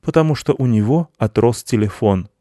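A man's voice: mid-range voice, expressive, moderate pace, mellow, no room sound, clean studio sound, voice pushed up, lightly acted. A man voicing a lazy, self-important male house cat who lectures in a storybook reading. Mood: lecturing. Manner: pompous and lecturing.

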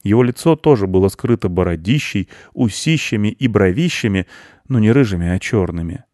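Low-voiced man reading a children's story. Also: fairly quick, dry recording, studio quality. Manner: calm storytelling, plain farmer voice for dialogue. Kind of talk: children's audiobook narration.

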